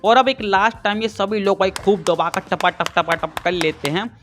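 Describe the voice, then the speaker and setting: Man, high voice, comic recap narrator, cheeky, crude asides, faint background music. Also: moderate pace, a bit bright. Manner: cheeky, crude, talks straight to viewers. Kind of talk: casual comic story recap.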